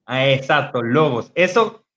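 A man's voice: medium pitch, lively intonation, a little slow, muffled recording, a crowd in the background. A man hosting a casual podcast, teaching about biblical Greek with many fillers and restarts over a video call. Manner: hesitant, many fillers and restarts, laughs easily.

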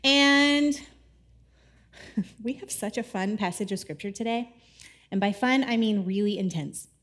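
A woman's voice: medium pitch, a little slow, fairly bright tone. A woman in her thirties giving a casual, playful sermon with laughing asides and a scripture reading. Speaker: pastor.

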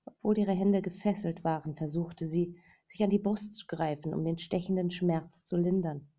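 A woman narrating a dramatic novel as an audiobook in a measured reading. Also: lowish voice, steady tone, warm tone. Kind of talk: scripted narration. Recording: dull lo-fi recording.

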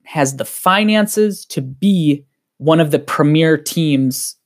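A man with a Wisconsin accent, a guest on a casual podcast, talking in an excited, heated, rambling way. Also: a little high, slow pace.

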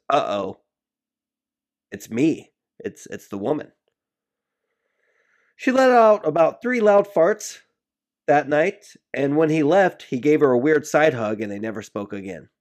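A man co-hosting a podcast, telling stories in an animated, joking way in a casual chat. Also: on the high side, normal speed. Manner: animated storytelling with laughs. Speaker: podcast co-host.

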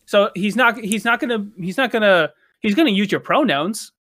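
High-voiced man in casual chat. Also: moderate pace, a bit bright, no echo, clean studio sound. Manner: rambling, filler-heavy, swears casually.

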